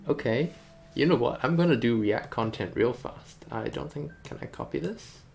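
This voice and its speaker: Music accompanies a game developer's casual on-stream chatter as he works, rambling and musing aloud. He speaks at normal speed in a medium-pitched, creaky voice with a darkish tone.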